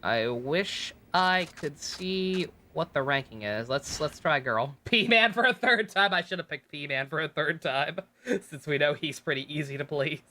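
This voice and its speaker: A woman's voice: low voice, measured pace, fairly bright tone, a little hiss or hum. A woman streamer chatting and reading game dialogue aloud in a rambling, self-correcting way.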